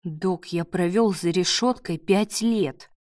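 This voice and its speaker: A man's voice: high-pitched, takes it slowly, a little mellow, dry recording, studio quality. Woman voicing a sly, mocking ex-convict. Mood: pleading. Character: sarcastic male patient, a former convict.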